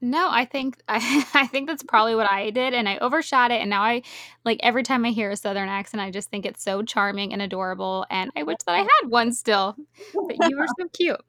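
A woman's voice: fairly high pitch, a little fast, sharp tone, no echo, clean studio sound. A woman from Tennessee hosting a podcast, speaking in a bubbly, enthusiastic way. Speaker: podcast host. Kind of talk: scripted intro and casual interview chat.

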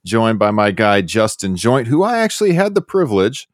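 This is a man hosting a casual podcast review chat, from the Chicago area. His voice sits low but moves animatedly, rising and falling as he talks. The sound is dry and close, with a self-deprecating, easygoing manner. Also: big pitch swings, moderate pace, dry recording. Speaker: podcast host.

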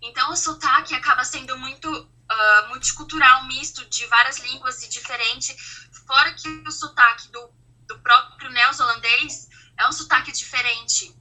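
Brazilian podcast guest, young woman; high, sharp voice; acts out the dialogue in her stories. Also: normal speed, poor audio. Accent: Brazilian Portuguese. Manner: animated storyteller acting out dialogue. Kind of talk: casual chat.

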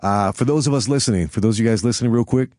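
A man's voice: mid-range voice, very fast, a little mellow, no room sound, clean studio sound. An American man interviewing a colleague in casual chat, chummy and encouraging, often chiming in.

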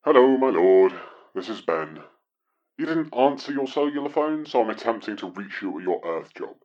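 A man's voice: on the low side, very animated, moderate pace, a little mellow. A man playing a fawning hell underling leaving a voicemail. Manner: chatty, rambling and over-polite to his boss. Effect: voicemail message played back over a phone. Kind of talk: comic audio drama acting. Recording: dull lo-fi phone playback.

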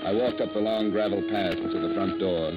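A man's voice: lowish voice, fairly even intonation, normal speed, close to an everyday voice. An actor playing a dry, wisecracking insurance investigator who narrates his own case, in an old radio drama. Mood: narrating. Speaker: narrator and lead. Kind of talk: 1950s radio drama acting. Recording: dull old radio broadcast with music.

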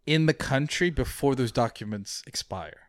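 Young man, halting chatty interview guest. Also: medium pitch, lively intonation, no echo, studio quality. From Mauritius, raised in Saudi Arabia. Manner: hesitant, many fillers and restarts, chuckles easily. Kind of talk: casual interview chat.

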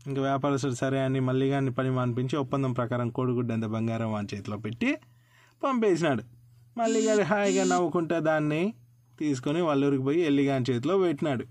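A man narrating a folk tale in a lively, expressive way as a channel host. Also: medium pitch, quick pace, dry recording.

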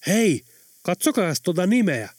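Audiobook role: emphatic, excitable man, read by a male narrator, dry close sound. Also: sits high, slightly rough, dry recording, pitched above the performer's own voice, exaggerated voice. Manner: emphatic, loud. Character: excitable adult man, insistent.

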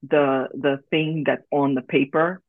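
Calm woman guest on a tinny line. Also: very deep voice, a little slow, no room sound. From Liberia. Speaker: podcast guest. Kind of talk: casual podcast chat. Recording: tinny phone-like line, dry.

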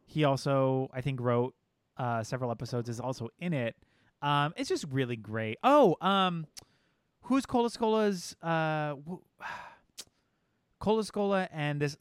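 In a dry recording, a podcast co-host with a smooth, somewhat high male voice rambles through casual chat, swearing and leaning heavily on filler words.

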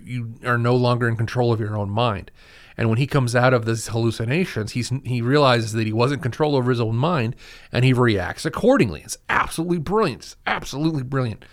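A man hosts a casual podcast, recapping a film in a loose, rambling way. He restarts his sentences often and leans into his favorite moments with plain enthusiasm. His pitch sits in the middle for a man. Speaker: podcast host.

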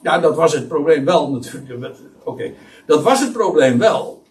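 Here the preacher's voice runs on the high side at an ordinary speed. He teaches from the Bible with animation and emphasis, restarting often, and sounds a bit removed from the mic.

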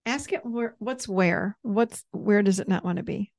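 A woman therapist gently guiding someone through a parts-work session with patient, step-by-step prompts. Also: medium pitch, a little slow, vocal fry, no room sound, clean studio sound.

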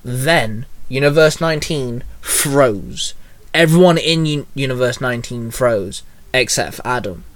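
A man's voice: mid-range voice, a little slow, fairly bright tone, no room sound. Man narrating fan fiction, dry and close. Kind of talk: reading fan fiction aloud.

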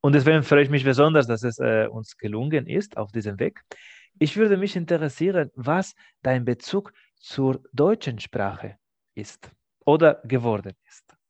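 A podcast host whose first language is Spanish speaks German in a casual interview chat, thoughtful and halting as he searches for words. His mid-range voice is expressive with a darkish tone. The recording is dull, dry and muffled, with no room sound.

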